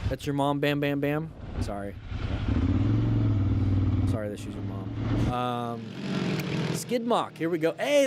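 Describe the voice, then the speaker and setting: A man with a mid-range voice hosts a casual livestream, reviewing motorcycle clips and chatting loosely between them. Congestion makes him sound stuffy and nasal, and the recording is very noisy. He's chatty, full of loose asides, and plugs a sale.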